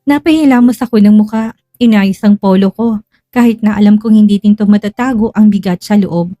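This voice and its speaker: Woman storyteller, dramatic first-person tale, slow, hushed, mellow, faint music underneath. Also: mid-range voice, no echo, clean studio sound.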